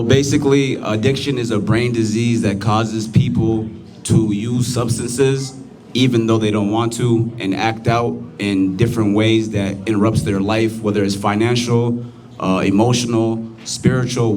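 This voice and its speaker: A man's voice: lowish voice, darkish tone. A young American man speaking earnestly to a youth gathering as a recovery advocate, plain-spoken with fillers. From United States.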